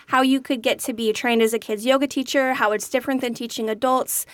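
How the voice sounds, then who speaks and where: A woman's voice: on the high side, fairly even intonation, fairly quick, dry recording. A woman hosting a podcast in a chatty, upbeat way, often laughing as she talks. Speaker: podcast host. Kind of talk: casual podcast chat.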